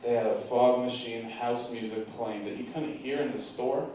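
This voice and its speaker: A man doing a stand-up comedy set on a theater stage, telling a story with animated delivery that bursts into loud stretches. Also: medium pitch, moderate pace, a little hiss or hum. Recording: echoey room from far off.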